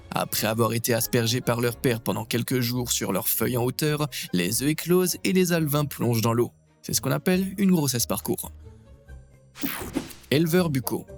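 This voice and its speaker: Man narrating a nature documentary over music. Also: mid-range voice.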